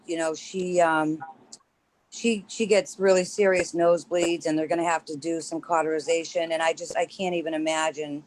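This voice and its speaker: Worried adult parent, flat measured delivery, mid pitch. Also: poor audio. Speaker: parent panelist. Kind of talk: casual discussion.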